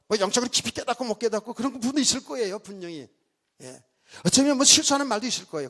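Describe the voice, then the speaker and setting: A man's voice: sits high, vocal fry, fairly bright tone, husky. A middle-aged man preaching a sermon as pastor in a church, talking casually with the congregation and joking in asides. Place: church sanctuary.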